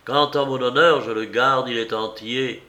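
A man's voice: mid-range voice, fairly even intonation, a little slow, sharp tone. A man playing an ardent, proud young nobleman. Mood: passionate. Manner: earnest, impassioned pleading.

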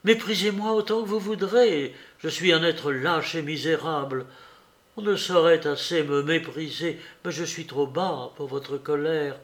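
A sickly, cowardly young man, voiced in an audiobook by a male reader. He speaks in breathless, halting pleas that waver into a whimper. His voice sits slightly high. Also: natural voice. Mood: pleading. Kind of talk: audiobook character reading.

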